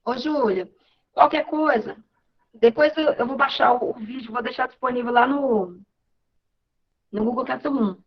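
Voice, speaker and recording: Woman teacher, high-pitched, relaxed chatty delivery on a video call class. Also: a little slow, long pauses, breathy edge, dull audio. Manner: casual, chatty, checks in with students. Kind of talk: online class lecture.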